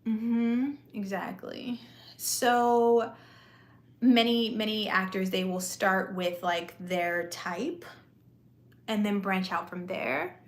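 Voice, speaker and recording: A vlogger and aspiring actress chats with her live-stream viewers, talkative and easygoing, her soothing voice peppered with "like" and "you know." She speaks at a mid-range pitch and a slow pace, in an echoey room.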